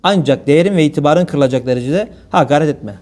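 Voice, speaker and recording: Fast-talking high-voiced preacher man. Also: a little mellow. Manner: blunt colloquial speech mixed with religious phrases. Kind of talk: informal religious talk.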